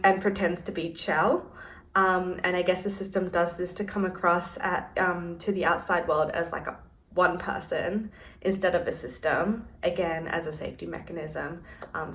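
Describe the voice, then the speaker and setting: A woman's voice: lowish voice, a bit bright. A woman explaining carefully as an interviewee, with hesitant fillers. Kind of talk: personal reflection. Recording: voice from far off the mic.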